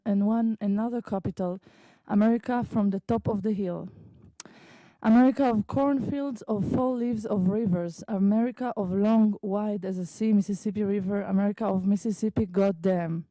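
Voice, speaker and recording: A woman from Israel, a native Hebrew speaker, slowly reading her own prose poem at an open mic in a library meeting room, with halting asides. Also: medium pitch, dark tone, no room sound, low-quality recording. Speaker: visiting writer reading her piece.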